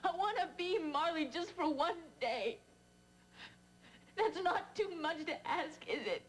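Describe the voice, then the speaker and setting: Soap lead: determined young woman, high voice, pleading and pushy. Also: expressive, measured pace, slight background noise. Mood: insistent. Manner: insistent, pleading. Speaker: scheming woman pleading to swap places. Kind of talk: 1980s TV soap acting.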